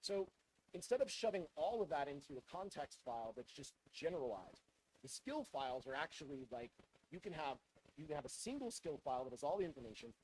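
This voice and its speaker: A man's voice: fairly high pitch, sing-song, a little mellow, rough recording. Guy doing an informal tech lightning talk, keeps restarting phrases, bit of room noise. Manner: halting, repeats and restarts phrases.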